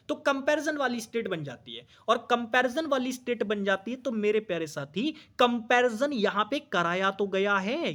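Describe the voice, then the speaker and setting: A man's voice: very high-pitched, a bit bright. A man teaches an exam-prep English grammar lesson. He keeps asking questions and answering them himself, and he repeats each key point. He calls his students brother as he goes.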